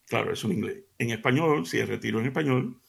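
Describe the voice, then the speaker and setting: A middle-aged man hosting a radio devotional, telling an anecdote in an animated way and speaking to his listeners as family. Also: quick pace, creaky. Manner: addresses listeners warmly as family; animated storytelling, pitch jumps up for emphasis. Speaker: radio show host.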